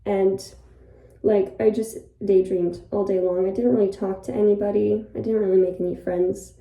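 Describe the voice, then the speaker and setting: A young Polish-born woman living in Ireland sits by the bathtub and films a personal vlog, rambling reflectively in a soft-spoken, creaky voice. Her pitch is medium, her tone steady, and her pace normal. The lo-fi sound echoes around the bathroom, and she's some distance from the mic.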